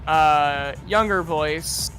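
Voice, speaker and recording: A man's voice: on the high side, drawn-out words, over music. A young man streaming a casual watch-along chat, rambling and laughing and acting out sounds as he talks. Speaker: streamer and voice actor.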